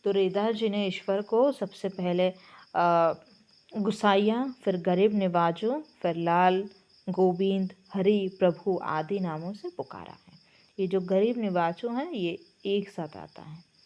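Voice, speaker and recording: A woman's voice: mid-range voice, slow, a little mellow, muffled recording. A woman with a Bengali accent, explaining textbook answers as a Hindi teacher, with a patient manner and frequent hesitations.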